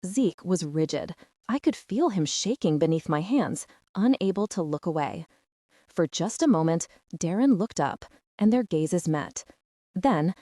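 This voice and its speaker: A woman's voice: fairly low pitch, dark tone, no room sound, studio quality. A woman narrating an audiobook with tense, dramatic storytelling.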